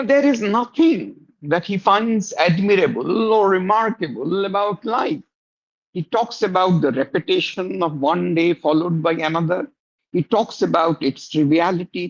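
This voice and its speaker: A man teaching a class, explaining slowly with many pauses and fillers and asking his students questions. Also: sits high, dull audio. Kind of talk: classroom lecture.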